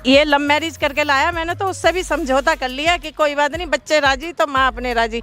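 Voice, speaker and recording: A woman's voice: sits high, brisk, a bit bright. An older woman telling her grievances in an aggrieved, pleading way. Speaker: mother in a family dispute.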